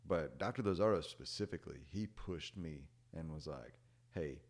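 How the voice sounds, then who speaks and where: Guesting on a podcast, a young man with a very low, deep voice tells a story in a loose, unhurried, relaxed way. His sentences wander, full of fillers like "like" and "dude," and he often fades out softly as a thought ends.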